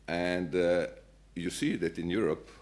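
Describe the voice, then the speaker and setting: A man's voice: sits low, a little slow, a little mellow. A man speaking as a central bank policymaker on a conference panel, hesitant, with many fillers and restarts.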